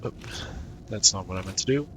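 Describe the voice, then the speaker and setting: A man's voice: deep voice, brisk, a bit bright, a little hiss or hum. A man streaming a puzzle game, thinking aloud in a casual, muttering way as he works through it. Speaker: gaming streamer. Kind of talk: casual let's-play commentary.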